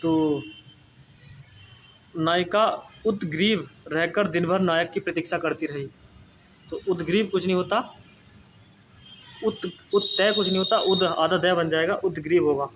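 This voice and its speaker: This young man's voice is fairly high and a bit bright, moving at a normal pace over a faint hiss or hum. He's teaching Hindi spelling for exam prep, explaining patiently, repeating words, and checking in with students, often saying "ठीक है ना".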